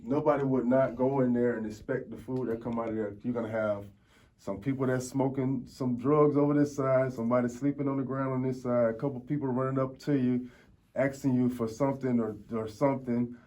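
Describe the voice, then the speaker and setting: A man's voice: mid-range voice, steady tone, a little fast, dark tone, rough recording. A man, talking casually in street slang as an interview guest. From Tampa, Florida, United States. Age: 40s. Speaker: interview guest, food reviewer. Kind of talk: casual conversational storytelling.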